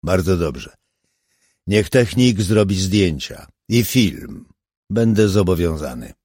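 A man voicing a sharp, driven male police profiler in an audiobook, firing short probing questions. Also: low voice, animated, slow, no room sound, clean studio sound, heavily acted. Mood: demanding. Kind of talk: audiobook character voice.

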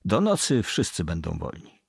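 A man voicing a guarded, superstitious ship's bosun who talks in a hushed, secretive way. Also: deep voice, huge pitch swings, normal speed, creaky, breathy edge, no room sound, studio quality, heavily acted. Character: evasive, superstitious middle-aged male ship's bosun.

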